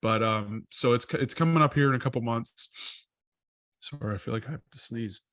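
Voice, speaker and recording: Podcast co-host, male, mid-pitched, meandering talker, dead-dry close-miked sound. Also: brisk, a bit bright, no room sound. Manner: rambling, thinks aloud with frequent self-corrections. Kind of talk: casual podcast chat.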